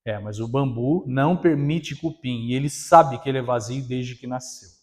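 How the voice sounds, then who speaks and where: A man with a Brazilian accent voicing a calm, wise old grandfather who patiently explains things to his grandson in a sermon story. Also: medium pitch, normal speed, voice pushed down, lightly acted. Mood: calm, explaining. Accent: Brazilian Portuguese.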